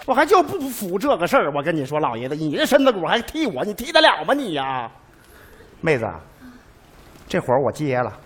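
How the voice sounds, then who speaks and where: A brash, argumentative caregiver. His voice rides high and swings widely, and he punctuates everything with loud exclamations. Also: huge pitch swings, fairly quick, a little hiss or hum. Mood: boastful. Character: blustering male caregiver, brash and proud. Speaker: hired caregiver in a stage sketch. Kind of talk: comic sketch acting.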